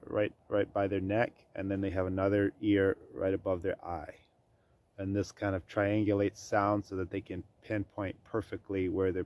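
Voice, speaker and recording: Low-voiced rambling farm vlogger, man. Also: no room sound, muffled recording. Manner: rambling, with frequent ums and uhs. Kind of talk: casual chat to camera.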